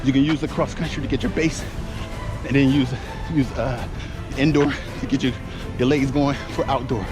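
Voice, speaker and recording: Out on a run, a laid-back American running vlogger in his forties rambles through casual vlog chat. He speaks at normal speed in a mid-range voice with fairly even intonation. A handheld action camera records him outdoors, with music playing in the background.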